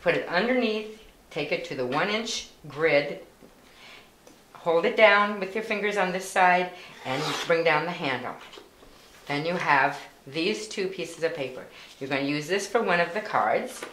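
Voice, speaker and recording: A woman with a low, deep-set voice walks through a craft project step by step, patient and plain. The sound is roomy and echoey, with a faint hiss and some clicking underneath. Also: lively intonation, measured pace, a bit bright. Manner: patient, plain instructions with fillers. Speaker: volunteer instructor. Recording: echoey room with faint noise.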